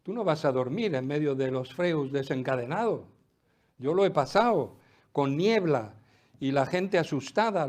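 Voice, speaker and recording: A middle-aged man preaches. His voice sits a bit high and moves a lot. He booms out praise, then sinks to a near-whisper for emphasis. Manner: lively preaching with sudden drops to near-whisper. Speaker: pastor. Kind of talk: sermon.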